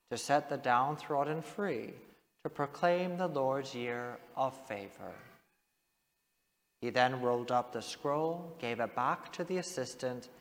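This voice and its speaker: Man, priest, measured formal reading, middle pitch, cathedral echo, long church reverb. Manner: measured, formal, unhurried delivery. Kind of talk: liturgical Gospel reading and parish announcements. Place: large church.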